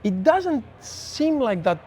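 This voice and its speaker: A man's voice: very high-pitched, very animated, slow pace, darkish tone, breathy edge. A man with a Greek accent, a neuroscientist guest speaking in an earnest, reflective way in a casual podcast conversation. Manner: earnest, reflective, explains with examples.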